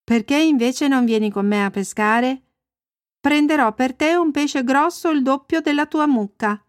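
A woman's voice: sits high, unhurried, no echo, studio quality, voice pushed up. A woman voicing a friendly, boastful boy in a story. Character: friendly boy offering to fish.

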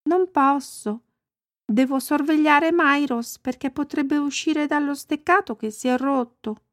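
A woman voicing a small eager girl in a storybook reading, high and excited. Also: a little slow, no room sound, clean studio sound.

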